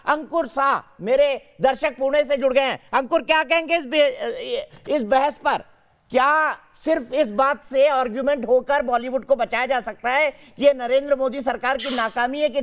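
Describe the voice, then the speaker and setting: A man's voice: very high-pitched, fairly bright tone. A man anchoring a heated television news debate, firmly cutting in to keep the panelists in order.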